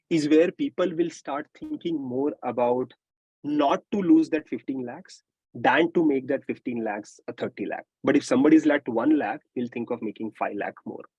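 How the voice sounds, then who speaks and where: Man, Indian English accent, husky, dry close sound, podcast guest, earnest advisory tone. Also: mid-range voice, mellow, dry recording, highs cut off. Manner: earnest, advisory, frequent "right?" and "um" fillers. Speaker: podcast guest, startup founder. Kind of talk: casual podcast conversation.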